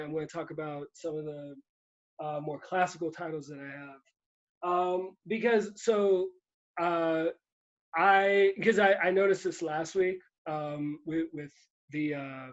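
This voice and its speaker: A man's voice: fairly high pitch, lo-fi sound. A man from Puerto Rico talking casually about books, rambling with many restarts and easy laughs. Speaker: guest writer.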